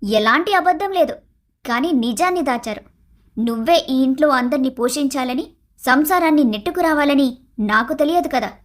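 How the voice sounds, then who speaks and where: A woman voicing a discontented young wife in an animated story, who complains, taunts and shouts at her husband. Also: high-pitched, close to an everyday voice. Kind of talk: animated cartoon story voice acting.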